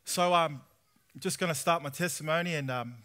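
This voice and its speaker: A man's voice: fairly high pitch, moderate pace, smooth. A man in his thirties with an Australian accent giving a conversational testimony sermon at a church conference, drawing the audience in with questions. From Sydney, Australia. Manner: conversational, asks the audience questions, prays softly. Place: large tent hall with audience, indoors.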